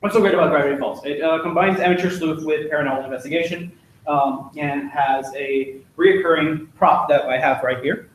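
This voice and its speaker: A man's voice: a little high, brisk, heavy reverb, slight background noise. A young man giving a casual, joking club talk with slides, chatty and full of fillers, recorded from far off in a classroom. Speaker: student club presenter. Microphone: distant room mic.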